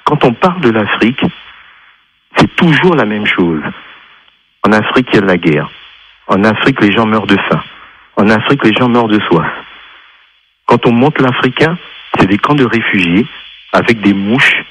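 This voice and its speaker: A man's voice: fairly low pitch, animated, moderate pace, long pauses, fairly bright tone, a little hiss or hum, rough recording. Impassioned man calling in to radio. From France. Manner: impassioned, insistent, repeats himself for emphasis. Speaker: radio caller. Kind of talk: radio call-in talk.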